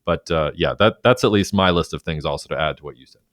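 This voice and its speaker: This podcast co-host has a bass voice and talks quickly, recorded cleanly in a studio without echo. He rambles through current events in a relaxed, talkative way, often restarting and using fillers, and becomes animated as he quotes.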